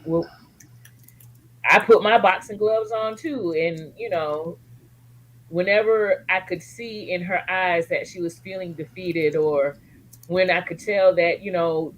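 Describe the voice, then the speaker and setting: A woman's voice: fairly low pitch, poor audio. A woman guest speaking candidly and emotionally about supporting family, earthy and joking in turns. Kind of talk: candid personal storytelling.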